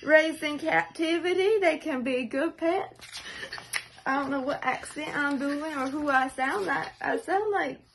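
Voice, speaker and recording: Young woman, very high pitch, slow pace, playful put-on accent, halting read-aloud, phone recording at home. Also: a bit bright, slight background noise, low-quality recording. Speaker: reader. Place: small room at home. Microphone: phone held at arm's length.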